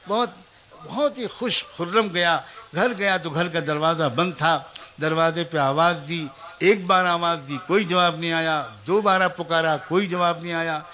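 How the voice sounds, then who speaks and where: A man's voice: on the high side, pushed and bright. A man preaching a storytelling sermon, earnest and emotive, turning to address his listeners directly.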